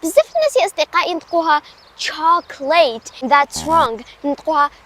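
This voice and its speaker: A woman co-hosting an English pronunciation lesson, explaining rapidly and then drawing out each model word slowly. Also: high-pitched, sing-song, background noise. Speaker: co-host teaching English pronunciation. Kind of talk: casual video lesson.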